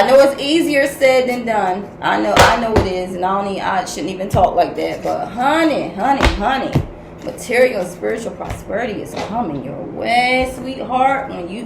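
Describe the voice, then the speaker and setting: An older woman, a grandmother and spiritual counselor, giving a tarot message reading in a blunt, profane, tough-love preaching manner. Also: on the high side. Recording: echoey room with noise.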